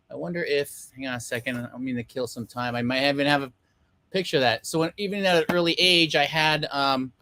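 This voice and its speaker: Speaking as a guest over a video call, a middle-aged man from Los Angeles, United States, who directs films, talks casually in an interview. His mid-range voice sounds bright and forceful, with no room sound. He rambles, using lots of fillers and laughing at himself.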